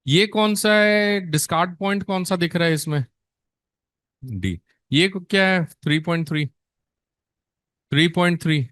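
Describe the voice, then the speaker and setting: This Indian-accented nursing exam instructor moves back and forth between English and Hindi, throwing rhetorical questions at the class. Pitched slightly high for a male voice, he lingers on key words to underline them. The audio is close, a touch bright, and completely free of room sound.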